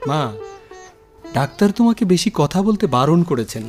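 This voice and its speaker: A man's voice: fairly high pitch, sing-song, normal speed, darkish tone. An actor playing an earnest, troubled young son devoted to his mother, in theatrical old radio show drama delivery over music. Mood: tender. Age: young adult.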